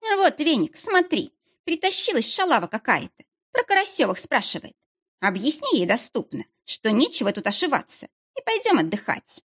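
A woman's voice: sits high, wildly swooping pitch, fairly bright tone, husky, voice pushed up, heavily acted. A woman reading an audiobook, voicing a hostile, coarse woman of about forty who sneers and draws out her words. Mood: hostile sneering. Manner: snarling, drawn-out sneering. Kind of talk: audiobook character voice.

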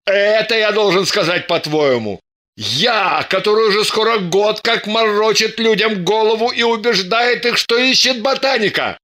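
A voice actor playing a gruff, indignant man. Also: sits high, moderate pace, bright, forceful tone. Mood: scornful. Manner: gruff, scornful. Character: indignant, stubborn male detective. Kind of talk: dramatic audiobook reading.

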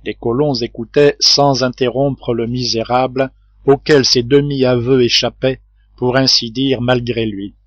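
A man reading a classic novel aloud at an unhurried, steady pace. His voice sits in a middle register and is recorded close and dry. The sound is a little dull, like a home recording. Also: medium pitch, no echo. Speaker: audiobook narrator.

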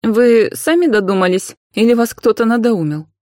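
Woman doing a lively young witch. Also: fairly high pitch, normal speed, dry recording, clean studio sound, voice pushed up, lightly acted. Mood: surprised. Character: young witch, surprised and wry.

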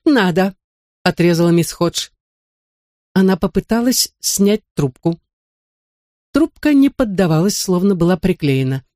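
Steady, dry-voiced audiobook narrator. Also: mid-range voice, no room sound.

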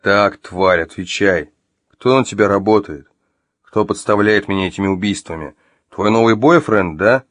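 A man's voice: lowish voice, moderate pace, a bit bright, no room sound, natural voice. A man voicing an angry man who interrogates his ex-wife at gunpoint, growling and barking his questions in an audiobook. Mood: furious.

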